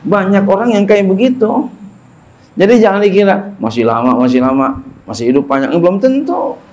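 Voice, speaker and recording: A middle-aged preacher, talking in a loose, chatty sermon style. His voice sits a little high for a man, and he repeats phrases for emphasis, with a chuckle now and then. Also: moderate pace. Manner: colloquial and animated, repeats phrases, chuckles while telling stories. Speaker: Islamic preacher teaching a classical book. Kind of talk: casual religious lecture.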